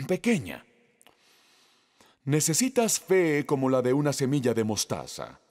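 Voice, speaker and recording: A man's voice: on the high side, darkish tone, long reverb tail. A man preaching a sermon, reading scripture aloud and putting questions to the congregation.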